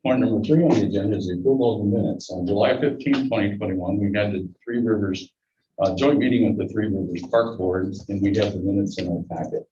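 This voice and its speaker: A man leads a public board meeting through the agenda, his warm, lowish voice muffled by a face mask and quick in pace, with occasional dry asides. The distant meeting room recording sounds dull and echoey, with a little hiss or hum.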